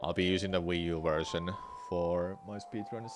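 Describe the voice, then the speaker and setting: A man's voice: low-pitched, fairly even intonation, moderate pace, background noise. A man talking casually as a speedrunner on a livestream, giving offhand, half-distracted replies while he plays. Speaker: speedrunner streaming live game attempts. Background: music.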